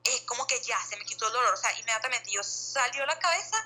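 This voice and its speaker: Fast-talking woman on a call. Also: a little high, animated, pushed and bright, low-quality recording. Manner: fast, rambling, many fillers and restarts. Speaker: guest sharing birth story. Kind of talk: casual conversational storytelling.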